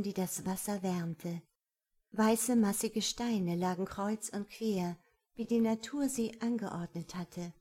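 A woman reading a romance audiobook in a calm, measured, intimate manner. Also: medium pitch, breathy edge. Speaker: narrator. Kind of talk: scripted audiobook narration.

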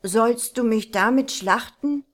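A cunning young lad from an old fairy tale talks his way out of danger, voiced by a woman reading the story. His words are sly and smooth, spoken at a slow pace. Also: fairly high pitch, pitched above the performer's own voice. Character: cunning young peasant lad, calm trickster.

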